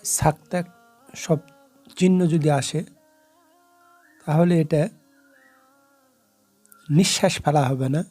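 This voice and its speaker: A man teaching a recorded recitation lesson, explaining rules deliberately and repeating words slowly as drills. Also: on the high side, fairly even intonation, a little mellow, breathy edge, faint music behind.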